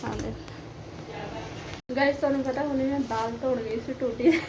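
A woman's voice: high voice, fairly even intonation, normal speed. A woman with a Punjabi accent chatting casually in a home vlog, animatedly exclaiming as she retells things, on a noisy handheld recording. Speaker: vlogger. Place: at home, moving between rooms.

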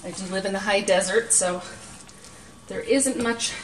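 Step by step, a middle-aged cooking show host demonstrates a recipe at home, her mid-range voice plain, practical and unhurried. Recorded from a distance in a small indoor kitchen, the audio is roomy and busy with the clatter of dishes, utensils and clicks.

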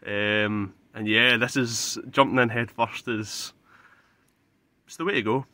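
A man's voice: lowish voice, fairly even intonation, measured pace, bright, forceful tone. A young man with a Scottish accent chatting casually to camera as a vlogger. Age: young adult. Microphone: phone at arm's length. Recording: faintly noisy phone recording.

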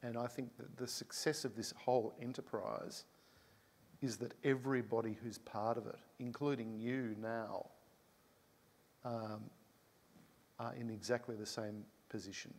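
On a concert hall stage, a composer on a panel answers an audience question in a reflective talk. His medium-pitched voice carries a big-room sound at a measured pace, and he's animated, laughing and gesturing as he speaks.

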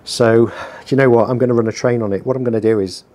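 In a workshop where a heater is running, a small business owner chats through a vlog of his work, rambling with dry, self-deprecating jokes at his bench. He talks fast at medium pitch, with fairly even intonation and a slightly mellow tone, into a mic on the bench below him.

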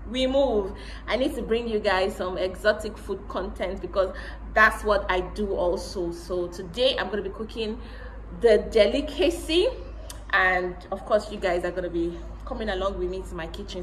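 A woman in her thirties, a cooking vlogger, talks straight to her viewers at a moderate pace while walking through a recipe in her home kitchen. Her mid-range voice echoes around the kitchen, with some background noise.

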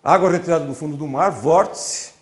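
A man's voice: a little high, a little fast. A man giving an informal classroom lecture, chatty, constantly saying "look" as he points at slides. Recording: echoey lecture hall.

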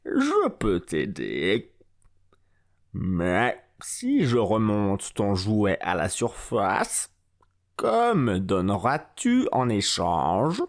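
A man voicing a grave male frog king in a storybook reading, with a drawn-out, sweeping delivery. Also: lowish voice, wildly swooping pitch, exaggerated voice.

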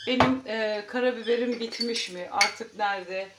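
This homely cooking vlog has a woman talking to her viewers as she cooks in her home kitchen, chatty and casual, her voice on the high side at a normal speed. She is far from the mic in an echoey room, and there is heavy background noise.

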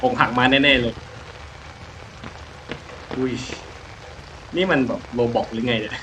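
A man's voice: medium pitch, fairly even intonation, slow pace, bright, forceful tone, slight background noise, low-quality recording. A man streaming a horror game, talking to himself and the game, jumpy and joking as he plays. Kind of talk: horror game let's play commentary. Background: rain and thunder from the game.

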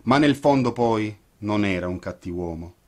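A man, an actor, reading a children's story aloud in an expressive, theatrical way. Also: fairly low pitch, normal speed. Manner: theatrical, animated.

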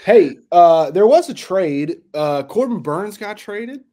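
A man's voice: sits high, lively intonation, slow, warm tone, slight background noise. A man co-hosting a podcast, chatting casually with a teasing, laugh-prone manner. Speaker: podcast co-host. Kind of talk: casual chat.

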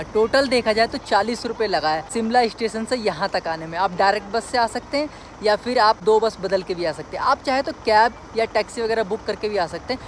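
Out on a windy hill road, a young man films a casual travel vlog with his phone camera held at arm's length, talking to his audience in a chatty way. He has a high voice, and there's a little hiss or hum.

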